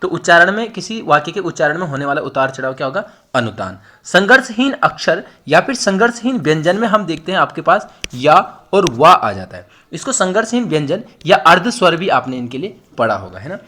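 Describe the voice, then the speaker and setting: A young man with an Uttarakhand Hindi accent teaches online exam prep a little fast, with few pauses. His fairly high, sing-song voice is pushed and bright, and he keeps repeating words for emphasis while speaking right to his students.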